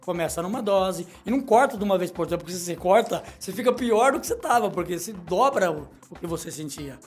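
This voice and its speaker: Joking, rambling radio host. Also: male voice, lively intonation, quick pace, faint music behind. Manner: rambling, joking, big pitch swings. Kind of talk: comedic radio talk and news reading. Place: small hot radio studio. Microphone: studio microphone.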